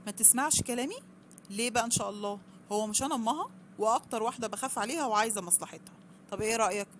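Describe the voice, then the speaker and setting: Woman reader doing a sharp-tongued Egyptian mum, scornful, quick, faint hiss. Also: fairly high pitch, lightly acted. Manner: scornful, bossy. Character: meddling Egyptian mother, bossy and sharp-tongued.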